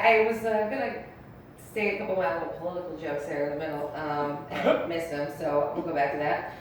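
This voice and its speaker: Young woman comic, blunt and raunchy, slightly low voice, heard from far off in an echoey room with a faint rumble. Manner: blunt, crude and brash, with many ums and likes. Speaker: stand-up comedian. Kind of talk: stand-up set.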